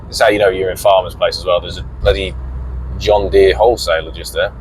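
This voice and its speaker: A middle-aged man talks casually from inside a moving car. His voice sits on the low side and he rambles along with mild swearing. A faint hum of engine and road noise stays underneath. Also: fairly even intonation, fairly quick. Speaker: vlogger. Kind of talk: casual driving commentary.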